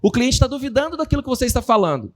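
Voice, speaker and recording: A man's voice: extremely high pitch, racing. A man giving a motivational lecture to an audience, constantly shifting his tone and speed. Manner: lively, varies tone and speed on purpose. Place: stage before an audience.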